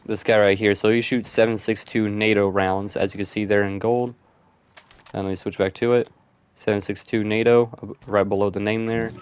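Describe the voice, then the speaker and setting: A man with a lowish, clean-toned voice offers loose, rambling gameplay commentary. He thinks out loud and leans heavily on fillers such as "and stuff".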